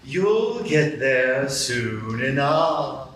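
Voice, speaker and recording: A man playing a grinning, mischievous cat who drawls his riddles very slowly, his voice rising and falling in lively swoops. He sounds like a radio play on a live stage, caught by distant mics in a very echoey room. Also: mid-range voice, heavy background noise. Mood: teasing. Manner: slow, teasing, riddling drawl.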